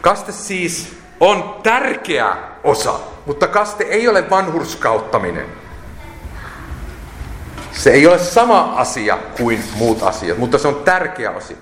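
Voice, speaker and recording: A man's voice: a little high, very animated, a bit bright, slight background noise. Man preaching in an echoey hall. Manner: emphatic, lists points and quotes scripture. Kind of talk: sermon. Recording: echoey hall with long reverb.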